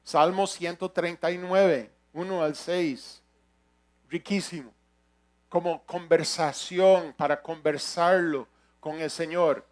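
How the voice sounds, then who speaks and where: A man preaching in a high, bright-pitched voice. He speaks slowly and deliberately, pressing each point home with earnest emphasis. His loudness climbs and drops as he leads his congregation. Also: steady tone. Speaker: pastor. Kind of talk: sermon.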